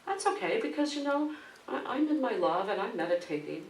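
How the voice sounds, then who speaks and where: A man voicing a battered but serene male snake in a high, airy voice while telling a story in a sermon, heard from a distance in an echoey room. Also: very animated, fairly quick. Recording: roomy hall from a distance, faint background noise.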